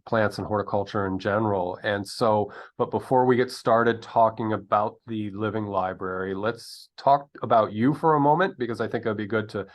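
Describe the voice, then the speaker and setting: A man's voice: on the low side, normal speed, few pauses. A man hosting an interview, friendly and talking with many ums and uhs. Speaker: interview host. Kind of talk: casual interview talk.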